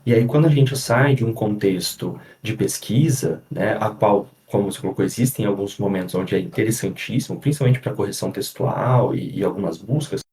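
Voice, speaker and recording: A psychologist explaining things in a casual podcast chat, often pausing on fillers and restarting his sentences. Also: lowish voice, a little mellow. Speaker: psychologist guest. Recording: echoey room.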